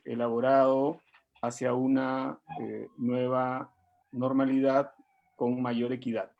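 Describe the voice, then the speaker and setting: Male organizer, halting formal opening, dull lo-fi video call audio. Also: medium pitch, darkish tone. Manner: halting, with drawn-out fillers. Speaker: event organizer.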